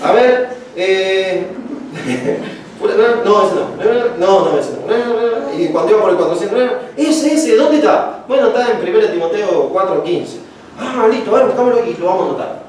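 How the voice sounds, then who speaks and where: High-voiced guy lecturing preachers, jokey and chatty, mic far off in a very echoey room. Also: lively intonation, moderate pace, background noise. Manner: chatty, joking, acts out anecdotes. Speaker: homiletics teacher. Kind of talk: casual classroom lecture.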